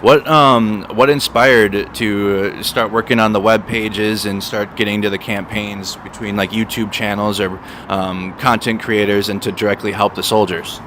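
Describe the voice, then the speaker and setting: Speaking with fairly low pitch and fairly even intonation, the man keeps a normal speed and rarely pauses. He's casually hosting a live stream, repeating words and phrases to drive points home, with traffic noise from a busy city street behind him.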